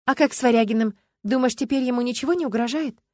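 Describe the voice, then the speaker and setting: A woman's voice: on the high side, fast, mellow, dry recording, voice pushed up, natural voice. A woman playing an earnest young heroine.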